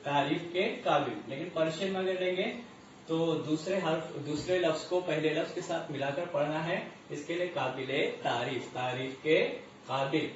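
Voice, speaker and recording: A man teaching a grammar lesson. He repeats the terms slowly and asks and answers his own questions. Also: fairly high pitch, slight background noise. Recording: muffled echoey distant recording.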